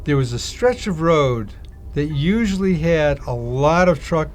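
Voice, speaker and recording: A middle-aged man giving a personal testimony in an animated storytelling manner, acting out the dialogue he recalls. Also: fairly high pitch, a little slow, slight background noise. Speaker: testimony speaker.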